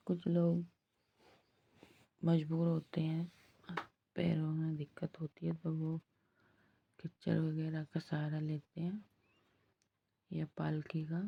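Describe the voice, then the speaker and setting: A woman vlogger narrating her pilgrimage walk in a soft, devout way. She has a husky, strained voice from ongoing throat trouble. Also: deep voice, completely flat delivery, lo-fi sound. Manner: slow, soft-spoken and devout. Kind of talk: travel vlog voice-over.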